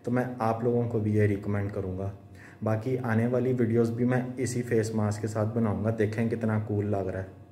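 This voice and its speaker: A man's voice: on the low side, fairly even intonation, normal speed, dark tone, a little hiss or hum. A man talking through a face mask as he hosts a casual unboxing vlog, dropping English phrases into his chat. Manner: chatty, mixes English phrases into Urdu. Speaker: vlogger. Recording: roomy echo.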